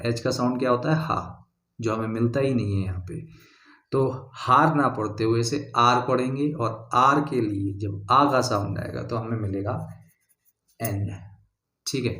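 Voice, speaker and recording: Man, teacher, patient slow explaining, mid-pitched voice, echoey room. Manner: slow, patient explaining, reads example sentences word by word. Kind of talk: grammar lesson.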